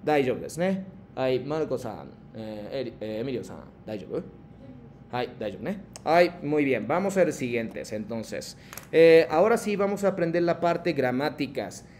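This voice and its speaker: Male teacher, patient, mid-pitched, slight rumble on the line. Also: very animated, normal speed, darkish tone. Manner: patient, calls on students by name, mixes Japanese prompts into Spanish explanations. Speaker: Japanese language teacher. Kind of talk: online class instruction.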